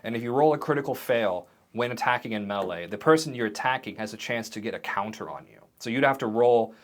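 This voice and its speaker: A man running a tabletop game as game master, narrating the scenes in a vivid, animated way. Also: mid-range voice, fast talker.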